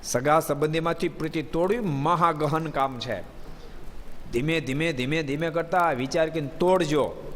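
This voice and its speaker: Male preacher, fairly high voice, animated sermon delivery, recorded in a reverberant hall. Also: moderate pace, slight background noise. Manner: animated, addresses listeners by name, rising emphatic bursts. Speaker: swami preacher. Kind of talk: devotional sermon with storytelling.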